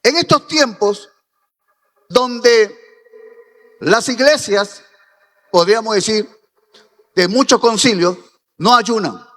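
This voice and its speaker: A man's voice: sits high, slow pace, long pauses, a bit bright. A man from Peru preaching a sermon as pastor, pressing his points and rising to emphatic peaks. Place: church hall. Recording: reverberant church hall.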